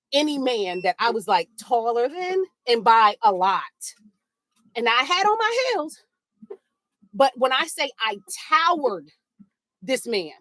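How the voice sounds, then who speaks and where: A woman telling a funny story in a sassy, animated way, talking to listeners as girl and baby while she walks on a treadmill. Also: high voice, dry recording. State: walking on a treadmill. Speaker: podcast host. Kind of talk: casual storytelling while walking. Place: home treadmill, indoors.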